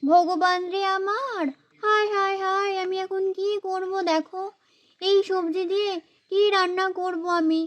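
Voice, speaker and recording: A fussy young village housewife from a doll story, voiced by a woman, with an extremely high, thin voice. She grumbles and scolds her way through every chore. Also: moderate pace. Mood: fussing.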